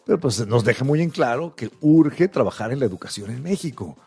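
Co-host: Mexican man, husky voice, dry pedantic humor, faint music under him. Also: medium pitch, lively intonation, a little fast, dark tone. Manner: wry, pedantic, joking. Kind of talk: casual comedic commentary.

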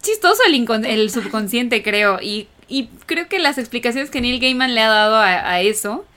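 A woman's voice: a little high, expressive, normal speed, pushed and bright. A woman co-hosting a podcast, chatting casually and thinking aloud with many fillers. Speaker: podcast co-host.

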